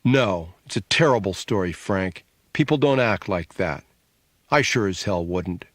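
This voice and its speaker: A man voicing a sharp-tongued, sarcastic adult sister, needling and scornful, in an audiobook. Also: low-pitched, animated, a little slow, no echo, studio quality, full character voice.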